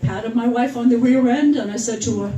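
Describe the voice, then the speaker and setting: A woman's voice: on the high side, fairly even intonation, a little fast, mellow, highs cut off, close to an everyday voice. An older woman doing a smug golfer man. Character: smug middle-aged male golfer. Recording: echoey room, far from the mic.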